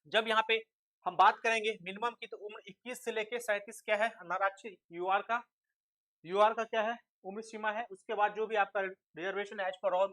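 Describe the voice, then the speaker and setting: Here an Indian coaching-style teacher with a high, fairly bright voice walks students through a lesson. He uses English terms, raises rhetorical questions and resolves them, and checks whether everyone has understood.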